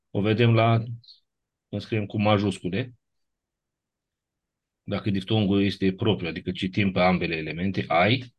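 A man's voice: fairly low pitch, muffled recording. A man teaching a class, going methodically through grammar rules and checking understanding with short tag questions. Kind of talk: classroom lecture reviewing grammar.

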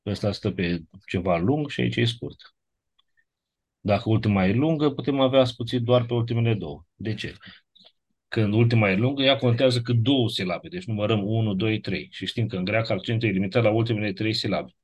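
In a classroom grammar review, a man speaks in a lowish, somewhat dark voice. He moves through the rules methodically, dropping in short tag questions to make sure students follow.

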